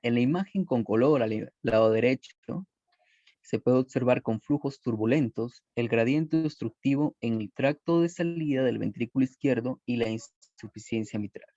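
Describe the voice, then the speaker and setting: Mellow man giving a recorded medical lecture. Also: mid-range voice, moderate pace, no echo. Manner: steady explanatory delivery with fillers and self-corrections. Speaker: presenter of a medical class. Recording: dull lo-fi voice recording.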